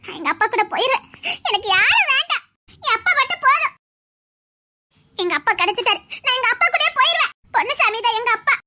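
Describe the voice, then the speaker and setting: A sobbing, shrill young woman. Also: sing-song, a little fast, noisy background. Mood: hopeful. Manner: sobbing, pleading, shouting in anguish. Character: desperate young woman begging to see her lost father. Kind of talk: tearful TV serial acting.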